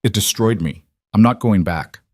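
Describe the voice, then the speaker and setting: A man doing a calm, firm single dad. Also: fairly low pitch, normal speed, no room sound, studio quality, close to an everyday voice. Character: quiet, grounded single father, firm and calm.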